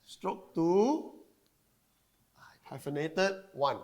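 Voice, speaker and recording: Lively high-voiced man preaching. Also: extremely slow. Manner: short broken English phrases, lively, mimics voices. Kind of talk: sermon through an interpreter.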